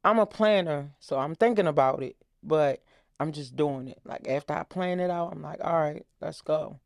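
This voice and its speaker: A woman's voice: low-pitched, moderate pace, gravelly, dry recording, clean studio sound. A woman in her thirties, a guest author, chatting in an upbeat way on a podcast. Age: 30s. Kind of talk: casual chat.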